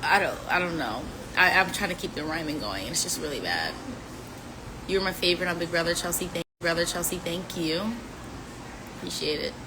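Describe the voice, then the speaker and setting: A woman in her twenties with a lowish voice talks briskly on a phone live stream, casually chatting, teasing, and rhyming playfully while she answers fan questions. Her phone mic also picks up background noise.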